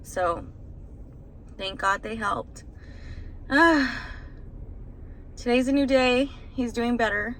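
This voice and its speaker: A woman's voice: on the high side, very slow, pauses often, a bit bright, a little hiss or hum, low-quality recording. A young woman, a new mother, casually telling a vlog story in a rambling, emotional way, still stressed and shaken. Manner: rambling, emotional retelling with many fillers.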